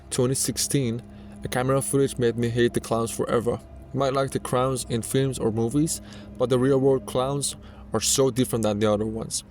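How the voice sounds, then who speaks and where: A man's voice: medium pitch, darkish tone. A man reading scripted narration for a countdown video. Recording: music under the voice. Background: background music.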